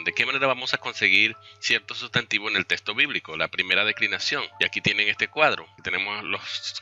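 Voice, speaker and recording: A man's voice: on the low side, pushed and bright. A man teaching a recorded lesson with slides, explaining step by step and checking in with "¿ok?". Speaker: Greek language teacher.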